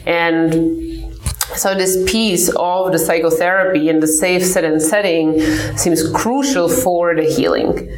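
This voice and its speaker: A woman in her forties with a Czech accent, a psychotherapist explaining her clinic's work in a measured way with frequent fillers. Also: lowish voice, steady tone, reverberant, low-quality recording. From Czech Republic. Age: 40s. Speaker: ketamine-assisted psychotherapist. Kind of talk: podcast interview.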